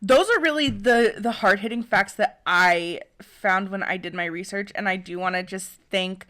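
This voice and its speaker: A woman co-hosting a podcast in casual chat, excitable and playful. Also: mid-range voice, moderate pace. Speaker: podcast co-host.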